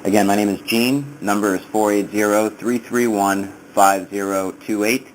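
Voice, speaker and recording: A man, a sales recruiter, leaving a businesslike voicemail over an internet phone line and slowing down to read out numbers. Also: lowish voice, steady tone, slight background noise. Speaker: sales recruiter calling applicants. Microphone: calling over an internet phone line.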